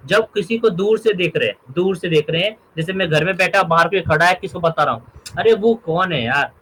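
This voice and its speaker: A man teaches grammar in a high, bright voice. He works through examples and keeps asking whether his students have understood. There is a faint hum behind him. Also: fairly quick, poor audio. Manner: checks understanding often, explains by examples. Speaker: English teacher. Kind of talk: spoken grammar lesson.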